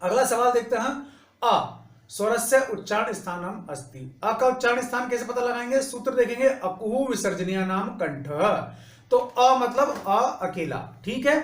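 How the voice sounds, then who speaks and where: High-voiced man explaining exam answers. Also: fairly bright tone, reverberant. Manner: methodical, steps through each answer and recites grammar rules slowly. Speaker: teacher.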